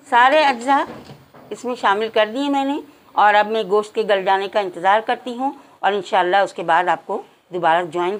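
A woman hosting a cooking channel, giving calm step-by-step recipe instructions to her viewers in a home kitchen. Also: fairly high pitch, poor audio.

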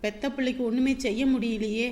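An actress playing a sister-in-law who scolds and explains at length in a reproachful tone. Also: female voice, fairly high pitch, fairly even intonation, fairly quick, a little mellow, lightly acted. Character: sister-in-law, stern and lecturing.

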